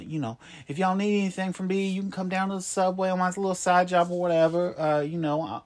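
A man playing a broke, boastful self-styled ladies' man who talks about himself in the third person. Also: sits high. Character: boastful broke male player, crude and vain.

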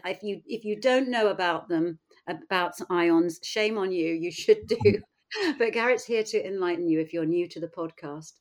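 A woman hosting a podcast, interviewing in an effusive, casual and chatty way. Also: lowish voice. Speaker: podcast host.

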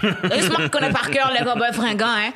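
A woman's voice: on the high side, fast. A woman from Quebec, with an accent between Quebec and Haitian French, chatting animatedly and laughing as a podcast co-host. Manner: animated, laughing, mimics others. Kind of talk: casual chat.

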